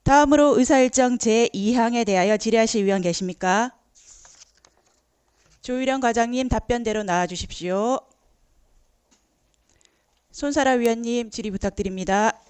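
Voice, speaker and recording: A woman's voice: on the high side, moderate pace, pauses often, darkish tone, clean tone, dry recording. A woman chairing a local council committee meeting, using formal procedural phrasing.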